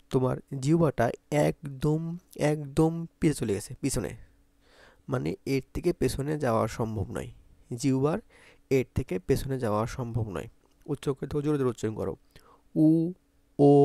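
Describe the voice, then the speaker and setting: A man with a Bangladeshi Bengali accent teaches an exam-prep grammar lesson. His voice is gravelly and mellow, recorded dry and close. He keeps repeating points and asks pupils to say the sounds aloud. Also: mid-range voice, dry recording.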